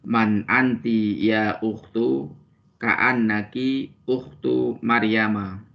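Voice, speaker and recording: A man's voice: on the low side, steady tone, drawn-out words, creaky, lo-fi sound. A man with an Indonesian accent, a student carefully reading practice sentences aloud.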